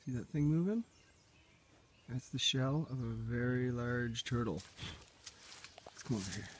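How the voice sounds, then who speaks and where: A man's voice: mid-range voice, expressive, unhurried, a little hiss or hum. Easygoing man vlogging outdoors on a trail. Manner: easygoing, chatty, shows things to the viewer as he goes. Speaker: hiking vlogger. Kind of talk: casual vlog narration to camera. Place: outdoors on forest trails and at a campsite.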